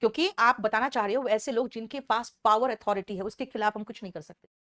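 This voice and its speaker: Woman English teacher, fairly high voice, Indian English, brisk and scolding with students. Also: fairly bright tone. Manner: scolding, teasing students, calls them beta; slow, deliberate reading of English example sentences. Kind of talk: online class lecture.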